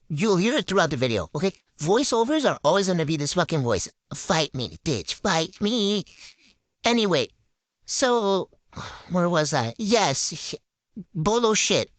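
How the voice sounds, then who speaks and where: A young woman's voice comes through a voice changer, sitting low yet swinging widely in pitch. She rambles through a casual story, swearing and stacking up fillers. The sound is dry and close. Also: no echo. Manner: rambling and profane, lots of "like". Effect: voice changer on her voice.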